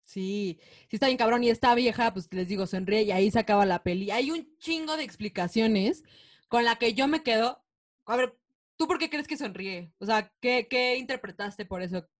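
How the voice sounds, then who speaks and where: A woman's voice: a little high, normal speed. A woman with a Mexican accent co-hosts a casual film discussion. She talks in a chatty, slangy storyteller's way and swears freely as she walks through scenes. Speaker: podcast co-host.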